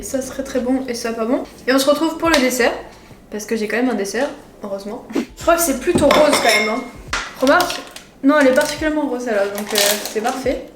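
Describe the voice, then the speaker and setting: A woman's voice: sits high, noisy background. A young woman casually talking to her viewers while eating, chatty and giggly. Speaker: vlogger. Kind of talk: casual food challenge vlog. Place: home kitchen. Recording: echoey room with music behind.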